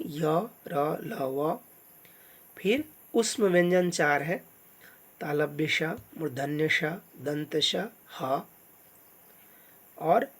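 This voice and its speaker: A teacher walks through the lesson at an unhurried, deliberate pace, pausing on each letter. The delivery is patient and methodical, with a mid-range voice. It sounds like a simple phone screen recording. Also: medium pitch. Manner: spells out letters one by one, patient. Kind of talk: slow step-by-step classroom explanation.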